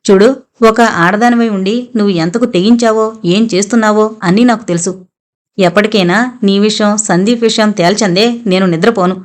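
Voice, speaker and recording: A woman's voice: medium pitch, steady tone, brisk, natural voice. A woman reading the lines of a stern, sarcastic male police inspector who talks in blunt commands.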